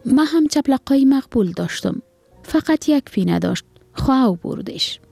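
A woman narrator puts on a poor little girl with an Afghan Dari accent, her voice raised high and small like a child's. The tone stays dark and husky, wistful in a storybook reading. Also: animated, dry recording, faint music behind, full character voice.

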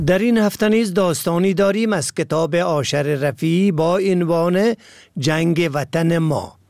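A man with an Afghan Dari accent introducing a story on a radio culture program in a brisk, formal manner. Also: on the high side, darkish tone, soft background music. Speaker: radio culture show host.

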